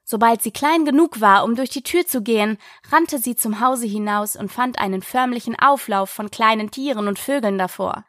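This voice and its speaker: Woman narrating a storybook, fairly high. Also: moderate pace, hardly any pauses, no room sound, clean studio sound. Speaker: audiobook reader.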